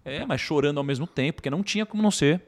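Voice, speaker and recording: A man, a podcast guest telling a personal story in animated casual conversation. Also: a little high. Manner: animated, tags sentences with quick asides.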